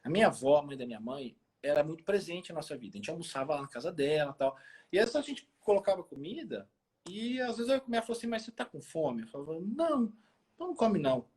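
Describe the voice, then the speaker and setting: He's a very animated fast talker whose voice is a little high, a little mellow and slightly rough. Forty, from a small town in Minas Gerais with a rural Brazilian accent, he appears as a health expert guest on a remote social media live video call, chatting colloquially about his life with personal stories and repeated phrases for emphasis.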